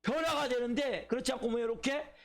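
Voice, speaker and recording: A man's voice: extremely high pitch, fast talker. A male pastor preaching a sermon, asking his congregation questions and acting out people's inner thoughts. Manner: asks the congregation questions, acts out inner voices. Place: church.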